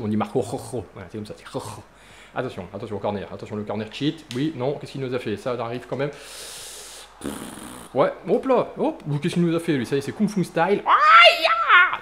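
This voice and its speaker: Fast-talking young man, jokey gameplay commentary. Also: medium pitch, echoey room, a little hiss or hum. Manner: jokey, excitable, chatty, with playful silly noises. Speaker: gaming YouTuber.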